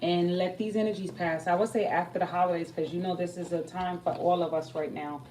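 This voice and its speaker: A woman's voice: fairly low pitch, brisk. A young adult woman giving a tarot reading and chatting about her night in a casual, streetwise way. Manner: chatty, streetwise, animated when telling stories. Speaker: tarot reader. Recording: voice a bit far from the mic, faint background noise.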